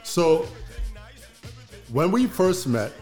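A man's voice: a little high, sing-song, very slow, a little mellow. A man interviewing someone in casual, informal, slangy conversation. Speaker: host asking questions. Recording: music behind the voice.

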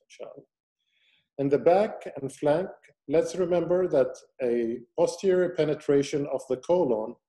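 A man delivers an online medical lecture as a surgeon, working methodically through each point. His voice is mellow and warm, at an ordinary pitch, and he stops now and then to take questions from his audience.

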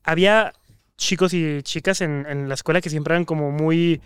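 Young Mexican male co-host, slightly higher pitch, smooth clean voice, casual banter. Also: fairly even intonation, moderate pace, a bit bright, no room sound, clean studio sound. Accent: Mexican Spanish. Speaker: podcast co-host. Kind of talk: casual chat.

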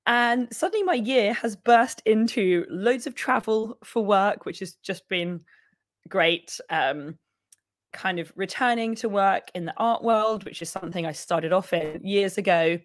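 A young woman co-hosting a podcast, with a croaky, husky voice, chatting and laughing as she rambles. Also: mid-range voice, unhurried, no echo, clean studio sound. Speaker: podcast co-host. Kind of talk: casual podcast chat.

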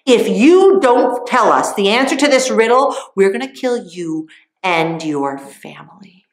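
A woman gives voice to a gang of scheming young men in a storybook, sly and eager, her pitch bouncing. A roomy echo surrounds it. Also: sing-song, measured pace.

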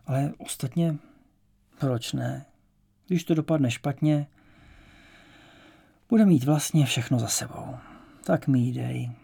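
A man voicing an anxious, cautious young male prisoner who speaks urgently, with a gravelly husky voice. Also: mid-range voice, pauses often, mellow. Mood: resigned. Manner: urgent, worried.

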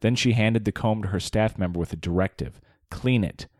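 A man's voice: on the low side, fast talker, darkish tone, no echo, studio quality. Skeptical man reading news aloud. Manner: reads news aloud then argues skeptically, swears. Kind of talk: casual political chat.

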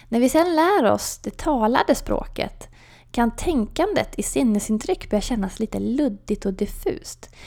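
A woman coach telling a personal story and explaining an idea in a calm storytelling way, with soft whispered asides. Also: medium pitch, creaky.

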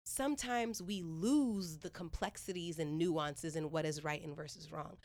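In a thoughtful podcast conversation, a woman from Northern California, USA, who works as a playwright and professor, works through ideas with frequent "like"s and restarts. She has a low-pitched, darkish voice. Her pace is unhurried.

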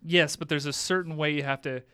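A man's voice: on the high side, steady tone, brisk, sharp tone, smooth, dry recording, studio quality. Playful rambling man recapping a show. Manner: rambling, playful, acts out quotes. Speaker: podcast host. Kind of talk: casual chat recapping an episode.

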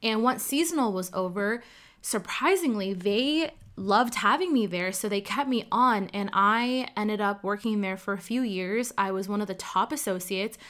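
Speaking at a normal pace in a mid-range, fairly bright voice, a woman tells her personal story casually. She's from Ottawa, Canada, Cantonese is her first language, and she's candid and conversational, often saying "like."

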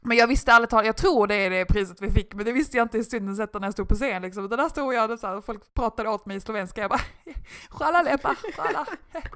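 A young woman in her twenties co-hosting a casual podcast, a lively storyteller who acts out what people said. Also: mid-range voice, few pauses, clean tone. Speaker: podcast co-host, basketball player.

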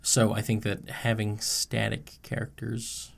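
A man co-hosting a casual podcast, talking in an animated, joking way with fillers. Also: on the low side, measured pace, creaky. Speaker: podcast co-host. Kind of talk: casual chat about tabletop characters.

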